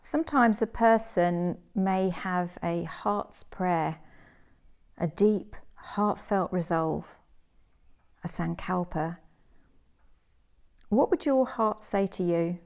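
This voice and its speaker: The speaker is a woman with a lowish voice, a yoga teacher guiding a relaxation meditation. She keeps things soothing and gentle, delivering measured phrases with pauses.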